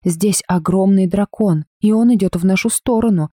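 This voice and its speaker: A woman voicing a loyal young woman who shouts at a mob in tears, with shrill indignant outbursts. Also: moderate pace, dry recording, clean studio sound, natural voice. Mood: frantic. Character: brave loyal young woman, fierce and tearful.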